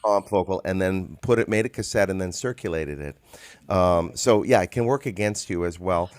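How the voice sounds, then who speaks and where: Male songwriter co-host, low voice, rambling and chatty, dry close sound. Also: normal speed, dry recording. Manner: rambling storyteller, many ums and restarts. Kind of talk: casual conversation.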